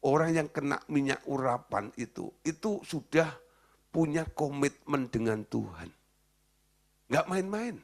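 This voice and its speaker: A pastor gives a casual, conversational sermon in a medium-pitched voice with vocal fry. He fires rhetorical questions at the congregation and laughs at his own points.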